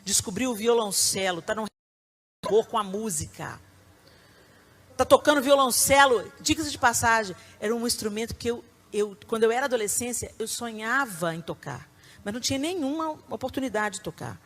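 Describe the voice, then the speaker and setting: A middle-aged woman with a Brazilian Portuguese accent, preaching to a conference audience with emphatic, animated delivery and sudden loud bursts. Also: fairly high pitch, normal speed. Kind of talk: sermon. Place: conference hall before a live audience.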